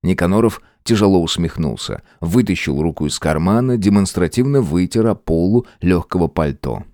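Male audiobook narrator, low voice, animated intonation, dry close sound. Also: no echo. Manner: expressive, measured reading.

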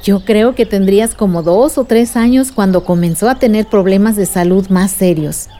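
In a radio drama, an actress plays a caring aunt who patiently and reassuringly recounts family history. Her female voice is medium-pitched and mellow, at a moderate pace, close to how she'd normally speak.

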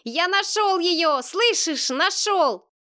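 An odd little boy speaks with the earnest urgency of a much older man, as a woman reading the story puts him on. His voice sits raised above her own, pressing and warm-hearted in an audiobook. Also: sits high, moderate pace. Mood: urgent. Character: odd little boy who talks like an old sage.

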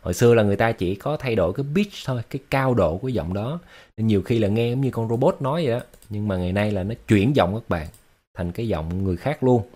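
A man's voice: on the low side, lively intonation, fast, darkish tone. A man hosting a casual livestream, talking to his viewers in an explanatory way, with lots of fillers and repeated words. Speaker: livestream host.

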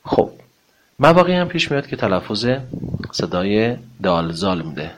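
Low-voiced man teaching English pronunciation. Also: very animated, a little hiss or hum. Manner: slow, drawn-out model words for learners to repeat; polite, formal phrasing with frequent hesitations. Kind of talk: spoken pronunciation lesson.

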